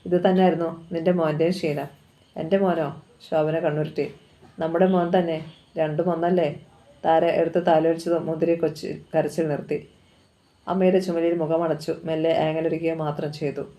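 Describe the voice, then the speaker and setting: A woman's voice: sits low, little pitch movement, a little fast, mellow. A woman reading a novel aloud, telling the story steadily and lightly voicing the dialogue. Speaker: novel reader.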